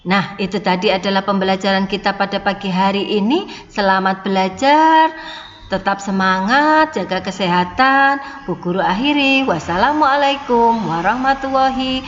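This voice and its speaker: A woman's voice: medium pitch, moderate pace, in a large hall, muffled recording, a little hiss or hum. A woman teaching a class of young children online, explaining patiently and often saying "nah" and "ya". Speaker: primary school teacher.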